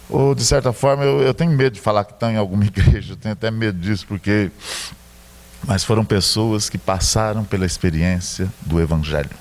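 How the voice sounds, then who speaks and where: A man's voice: on the low side, a little mellow. A middle-aged man with a Brazilian Portuguese accent, preaching a sermon as a pastor and telling a story with joking asides.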